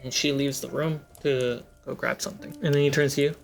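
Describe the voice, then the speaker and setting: A game master narrates a tabletop role-playing game, describing scenes slowly and deliberately with the odd filler word. His gravelly voice sits at medium pitch with a level tone, and faint music plays behind him.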